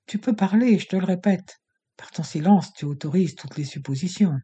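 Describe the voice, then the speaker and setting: A man's voice: high-pitched, normal speed, dark tone, breathy edge, dull audio, voice pushed up. A man voicing a frightened, weak father who stammers and pleads in an audiobook. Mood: uneasy.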